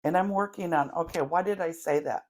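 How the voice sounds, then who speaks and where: A middle-aged woman leading a grounding meditation in a slow, chatty way, with self-deprecating asides and the odd cough. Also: fairly low pitch. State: coughing now and then. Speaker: tarot reader leading a guided meditation.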